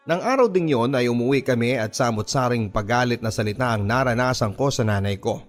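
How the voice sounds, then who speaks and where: Reading a listener's letter for a radio drama, a man with an ordinary mid-range voice tells the story in first person. His pace is earnest and measured, with faint, soft music underneath.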